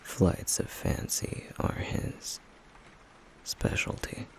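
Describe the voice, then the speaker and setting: Drawing out his words, a man murmurs breathily and gravelly as a stoic, guarded flame demon in intimate ASMR roleplay. Beneath the terse, deadpan caring manner, he sounds detached and resigned.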